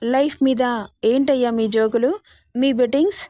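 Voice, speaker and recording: A woman's voice: a little high, fairly even intonation, normal speed, warm tone, no room sound, clean studio sound, natural voice. Give me a woman playing a stern male psychiatrist from a spoken story, lecturing.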